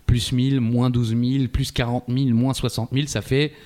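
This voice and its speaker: Joking French quiz co-host. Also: male voice, medium pitch, little pitch movement, moderate pace, mellow. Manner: playful, teasing banter.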